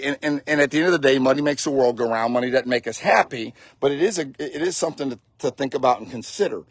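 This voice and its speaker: A man's voice: medium pitch, dry recording. A man in his late forties giving a blunt, casual motivational talk as a fire service instructor, swearing freely and repeating lines for emphasis. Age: 40s.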